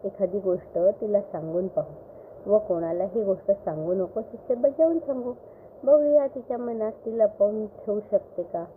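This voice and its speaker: An older woman storyteller narrating a bedtime story for children in a gentle, expressive way. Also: mid-range voice, moderate pace. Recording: phone-like line with faint hiss.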